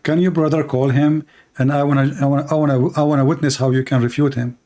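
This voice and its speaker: On a call-in debate show, an Arabic-accented male host grills callers and animatedly spins stories. His voice is slightly high and warm, but his delivery is flat and he talks fast.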